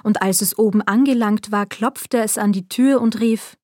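Calm woman reading a fairy tale. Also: mid-range voice, no room sound, clean studio sound. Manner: calm, measured storytelling phrasing. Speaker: narrator. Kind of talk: fairy-tale read-aloud.

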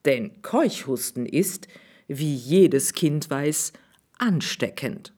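A woman reading a children's story aloud in an expressive way, with soft whispered asides. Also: low voice, drawn-out words, slightly rough.

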